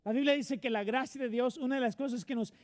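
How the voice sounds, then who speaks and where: Pastor preaching in church, really high voice for a guy, earnest, talks straight to the people. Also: fast. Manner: earnest, direct, addresses the congregation as "amigo". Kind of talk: sermon. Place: church sanctuary.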